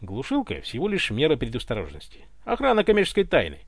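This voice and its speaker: A man's voice: mid-range voice, huge pitch swings, fast talker, creaky, slightly rough, no room sound, clean studio sound, heavily acted. A man voicing a cocky, mocking space smuggler in an audiobook, taunting as he talks. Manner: sneering, taunting.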